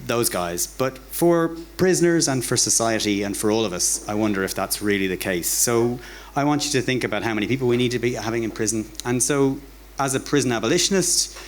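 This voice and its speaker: This Irishman, an academic, delivers a casual public talk in a bar at a fairly quick clip with few pauses. His voice sits at medium pitch, his manner is wry and chatty, he tends to repeat words, and a little hiss or hum runs underneath.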